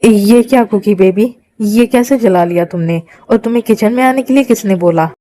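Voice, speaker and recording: A woman's voice: medium pitch, normal speed, dark tone, dry recording, close to an everyday voice. A woman voicing a possessive, menacing young man in a Hindi fan-dub drama, commanding and controlling. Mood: tender.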